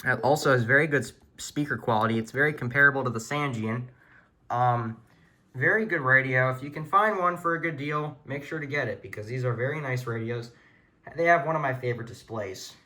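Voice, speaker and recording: This is a fairly quick, sharp-toned male voice at medium pitch. He hosts a laid-back show-and-tell video from his home room, walking through his weather radios with informal, earnest enthusiasm.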